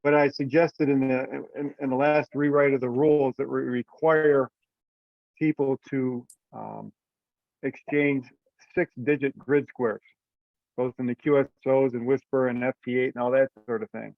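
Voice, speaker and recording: An event organizer lays out the rules during an online meeting, musing aloud in a hesitant, casual way. He speaks unhurriedly in a steady, medium-pitched voice with vocal fry; the teleconference audio is dull and lo-fi but free of room sound.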